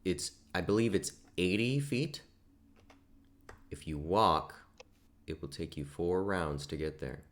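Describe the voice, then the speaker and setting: A man's voice: low voice, measured pace, long pauses, a little hiss or hum. A young man narrating as game master, casually explaining rules and laughing easily.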